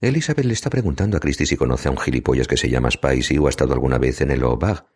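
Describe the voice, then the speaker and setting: A man reading an audiobook in a calm, cold, deliberate manner. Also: extremely low pitch, husky. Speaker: audiobook narrator. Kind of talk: scripted narration.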